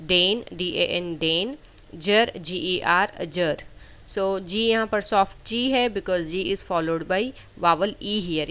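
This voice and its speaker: Slow, clear-voiced Indian woman teaching. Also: medium pitch, fairly bright tone. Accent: Indian English. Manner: explains step by step, slow and deliberate on each spelled word. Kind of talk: spelling lesson, mixing Hindi and English.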